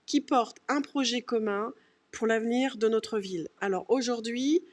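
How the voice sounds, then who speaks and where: A woman's voice: on the high side, moderate pace, darkish tone. A woman hosting a political discussion show, asking questions in a formal way. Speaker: host.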